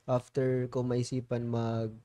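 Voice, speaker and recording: A man's voice: medium pitch, completely flat delivery, slow, noisy background. A man guesting on a podcast, speaking with a Filipino accent, easygoing, answering plainly in short phrases. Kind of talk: casual chat.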